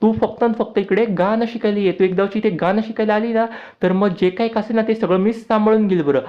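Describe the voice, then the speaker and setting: A serial recap narrator voicing an eager young boy in a raised, childlike pitch, on dull lo-fi audio. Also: steady tone, fast, lightly acted. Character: excited young boy Abir, eager and reassuring.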